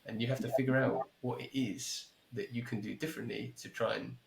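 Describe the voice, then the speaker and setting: A man speaking as a podcast guest over a remote call, telling an anecdote in a lively, casual way and acting out both sides of the conversation. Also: mid-range voice, brisk, vocal fry, echoey room. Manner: animated, repeats himself, acts out both sides of conversations. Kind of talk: casual storytelling. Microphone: headphones with mic, remote call.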